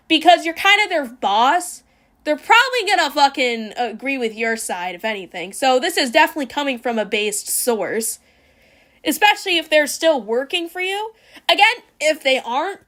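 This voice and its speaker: High voiced woman streamer ranting, bright sharp tone, swears a lot, mocks stuff. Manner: blunt and profane, ranting, mocking; sarcastic mimicking voices. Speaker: streamer reacting to a video. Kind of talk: casual reaction commentary.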